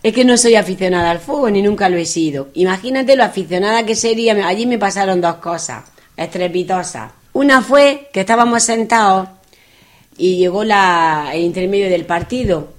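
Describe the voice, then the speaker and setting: A middle-aged woman, telling funny travel anecdotes in casual chat, animated and chatty. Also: mid-range voice, moderate pace. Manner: lively, animated anecdotes with acted quotes. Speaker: guest telling travel stories.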